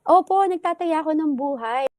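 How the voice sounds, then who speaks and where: A woman's voice: sits high, brisk, a crowd in the background. A woman answering questions in a played interview clip, earnest and defensive.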